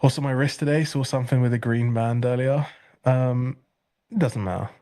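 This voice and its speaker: A man's voice: mid-range voice, moderate pace, warm tone. A congested British man hosting a live trading stream, chatting casually with dry, sarcastic humor. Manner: dry, sarcastic humor while reading chat.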